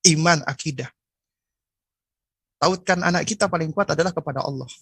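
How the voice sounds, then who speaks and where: A male preacher gives a parenting lecture, often stopping to search for words and restarting phrases. His voice sits somewhat high for a man and is recorded close and dry, with no room echo. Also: fairly quick, a bit bright, breathy edge. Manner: many fillers and restarts while searching for words. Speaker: Islamic preacher.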